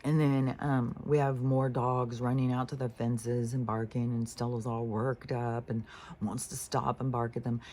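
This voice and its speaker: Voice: mid-range voice, flat delivery, measured pace, warm tone, slight background noise. A vlogger telling a story in a casual, profane, rambling way while venting.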